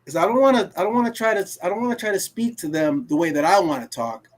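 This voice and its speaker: A man whose first language is Creole tells a story in casual live talk-show chat. His voice sits a bit high, and he talks in an animated, emphatic way, circling back over his own words. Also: quick pace. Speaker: co-host.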